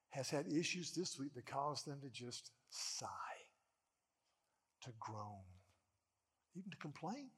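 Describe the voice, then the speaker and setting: A man preaching a sermon as pastor, stammering over repeated words as he presses a point and dropping from loud to hushed. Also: a little high, slightly rough, long reverb tail.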